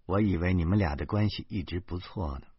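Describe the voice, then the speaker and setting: A man voicing a puzzled adult man who talks quietly to himself, in a dull lo-fi recording. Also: mid-range voice, very animated, slow, breathy edge, no echo, full character voice.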